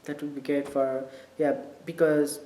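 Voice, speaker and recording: His voice is on the high side, warm, flat in delivery, and a little slow. A young adult college student with a Nepali accent, he gives casual interview answers with hesitations while searching for words, recorded in an echoey room with background noise.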